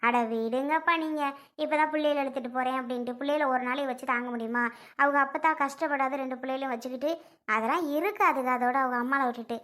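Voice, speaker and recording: A woman's voice: sits high, a bit bright. A woman playing a bossy middle-aged aunt who scolds and persuades a young father in a family skit. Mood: persuasive. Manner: scolding and persuasive, rapid and insistent.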